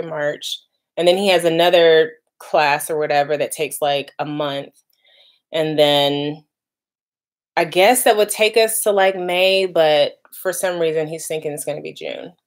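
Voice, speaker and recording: A woman in her 30s chats casually on a live stream as a vlogger, reading out viewer comments. Her deep voice moves a little slowly, and she's chatty, using lots of "like" and "y'all" and laughing easily.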